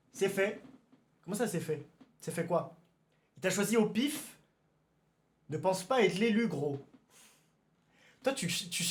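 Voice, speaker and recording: A young man streaming live, chatting casually with his viewers, excitable and given to sudden shouted exclamations before calming down again. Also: high-pitched. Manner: excitable, bursts into shouted exclamations then calms down. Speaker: livestreamer. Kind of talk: casual livestream chat with viewers.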